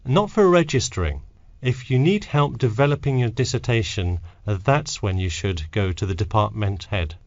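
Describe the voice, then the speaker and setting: A man playing a helpful, matter-of-fact university tutor in a scripted textbook dialogue, with deliberate intonation. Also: on the low side, animated, dry recording, muffled recording. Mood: advising. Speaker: academic adviser in a listening-test dialogue.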